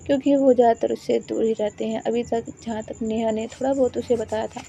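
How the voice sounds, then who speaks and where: Mellow-voiced woman storyteller. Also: on the high side, level tone, brisk, creaky, a little hiss or hum. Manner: conversational, with fillers. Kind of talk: casual storybook narration.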